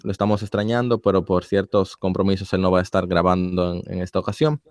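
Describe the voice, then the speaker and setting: Male radio host in studio, low voice, dry close sound, relaxed and joking with his guest. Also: quick pace, dry recording. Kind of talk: radio interview hosting.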